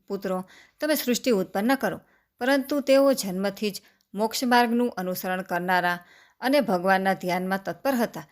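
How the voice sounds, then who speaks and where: A woman reading a devotional scripture story aloud. Her recitation is steady and measured, and she slows down over long lists of sacred names. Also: medium pitch. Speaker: scripture reader.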